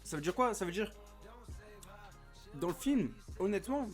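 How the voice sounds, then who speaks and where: A man's voice: sits high, lively intonation, normal speed, faint music behind. A young man giving a casual, comedic film review, full of street slang, swearing and rambling hesitations, recorded at home into a desk mic. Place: at home, recording with streaming software. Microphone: desk microphone.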